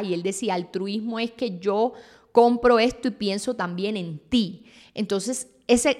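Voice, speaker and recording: A young woman hosting a podcast, talking straight to the listener in a casual, animated and confessional way. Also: medium pitch. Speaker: podcast host. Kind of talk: casual monologue.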